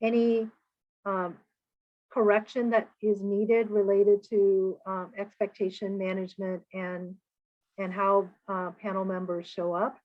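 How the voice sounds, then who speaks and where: A woman runs a board meeting from a conference call. She talks at a mid pitch and moves between speakers in a measured way, with frequent pauses. Her voice arrives through a slightly dull, lo-fi call line. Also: level tone. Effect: conference call audio.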